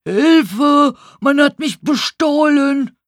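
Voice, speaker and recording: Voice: very animated, drawn-out words, no echo, studio quality, exaggerated voice. A reader voicing a frantic, confused old man who is hard of hearing and keeps mishearing words, in a storybook reading. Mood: panicked. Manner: high, loud, flustered and mishearing.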